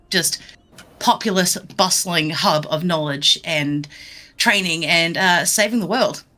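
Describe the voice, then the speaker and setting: A woman running a live tabletop game as game master, narrating the scene in an upbeat, lively way. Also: fairly low pitch.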